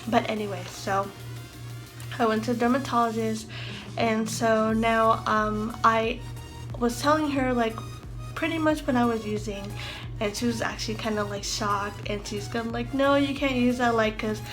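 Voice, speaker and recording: A woman's voice: on the high side, fairly even intonation, normal speed, fairly bright tone. A woman in her mid-twenties chatting loosely in a casual video diary, her speech slightly lisped from wearing a retainer. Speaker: vlogger. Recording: music behind the voice. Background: clear background music.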